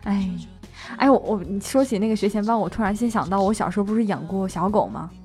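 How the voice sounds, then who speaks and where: A woman's voice: medium pitch, fast talker, a little mellow, soft background music. A woman co-hosting a casual chat show, telling a loosely strung childhood anecdote. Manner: chatty, loosely told anecdotes. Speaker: radio show co-host.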